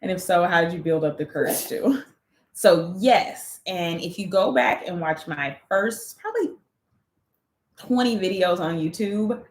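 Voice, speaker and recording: A woman's voice: lowish voice, measured pace, roomy sound. A woman co-hosting a live chat, talking casually and laughing often while she tells stories. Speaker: co-host of a live chat show.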